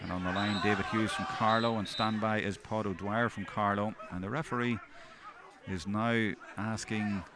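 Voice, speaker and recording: Low-voiced male sports commentator over crowd noise. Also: steady tone, moderate pace. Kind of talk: live hurling match commentary. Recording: outdoor stand, loud crowd noise behind. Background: crowd noise at outdoor match.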